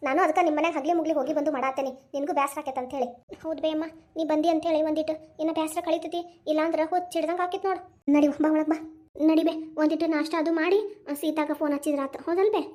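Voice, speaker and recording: A woman's voice: sits high, fairly even intonation, racing, darkish tone, close to an everyday voice. A woman voicing village mothers in a cartoon, chatting in a homely, consoling way with a North Karnataka Kannada accent. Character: village mothers chatting about a married daughter. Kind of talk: amateur cartoon dubbing.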